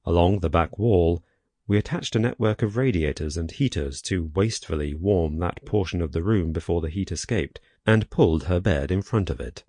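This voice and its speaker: A man with a very deep voice reads a horror audiobook in the first person. His delivery is measured, with dry, wry touches. The close, dry recording has no room sound. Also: a little mellow, no echo. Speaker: audiobook narrator. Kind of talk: scripted horror narration.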